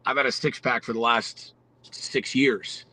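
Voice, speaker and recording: A man's voice: medium pitch, steady tone, a little slow, pushed and bright, poor audio. A man in his forties, a podcast guest, talking bluntly and with lots of profanity in a fired-up, motivational way. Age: 40s. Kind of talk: casual podcast conversation.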